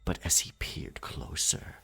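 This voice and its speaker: A man voices a domineering werecat pirate captain for ASMR, spinning a frightening story with the menace of a campfire narrator. His delivery is a sharp-toned, breathy, gravelly half-whisper, theatrical and full of deliberate pauses.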